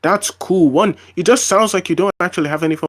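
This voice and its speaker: A man with a high-pitched, fairly bright voice argues at a quick pace in a casual online debate, his speech dotted with fillers and repeated restarts.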